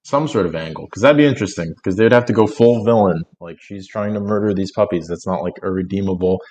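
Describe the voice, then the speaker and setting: A man's voice: low voice, fast talker, darkish tone, muffled recording. A man co-hosting a film podcast in casual chat, rambling with lots of fillers and frequent laughter. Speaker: podcast co-host.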